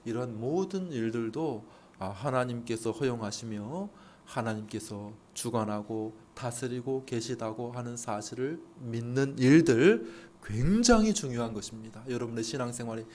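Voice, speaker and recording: A man's voice: mid-range voice, normal speed, slight background noise. A male pastor preaching a Sunday sermon, telling stories and acting out voices of patients and doubters. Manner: animated preaching, acts out patients and doubters in raised voice.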